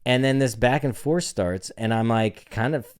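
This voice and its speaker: A man's voice: medium pitch, moderate pace, clear, resonant tone. A young man co-hosting a casual podcast, telling a story with lots of swearing and acting out the other people's lines. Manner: animated, profane storyteller who acts out dialogue. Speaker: podcast co-host.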